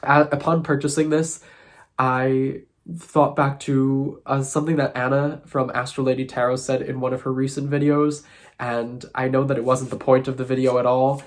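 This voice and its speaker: A man's voice: mid-range voice, little pitch movement, moderate pace. A man with a nasal, congested voice from sinus trouble, talking in a thoughtful, musing way in a casual vlog. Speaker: tarot content creator.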